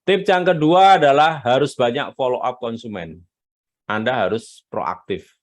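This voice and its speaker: A man giving a live business coaching talk on selling, emphatic and animated, repeating his key points. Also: medium pitch, unhurried, no room sound.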